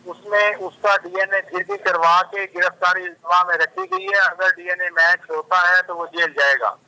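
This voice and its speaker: A man's voice: high voice, fairly even intonation, moderate pace, sharp tone. A police officer speaking formally and procedurally on a live phone call, his voice breaking up over a bad connection.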